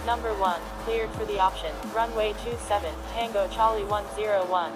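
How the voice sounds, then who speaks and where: A woman's voice: medium pitch, normal speed. A computer voice of a woman giving clipped air traffic control calls over a cockpit radio in a flight simulator, with music behind. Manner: clipped, even radio phraseology. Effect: cockpit radio transmission in a flight simulator.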